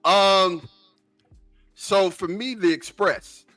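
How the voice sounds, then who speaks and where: A man with a fairly high voice co-hosts a casual sports podcast. He is enthusiastic and laughs often, and faint music plays behind him. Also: very slow, sharp tone. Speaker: podcast co-host.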